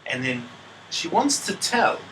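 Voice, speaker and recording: Lively New teacher, playful. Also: male voice, a little high, a little slow, far from the mic, slight background noise, low-quality recording. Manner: playful, feigning confusion to prompt pupils. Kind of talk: classroom maths lesson with storytelling. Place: classroom.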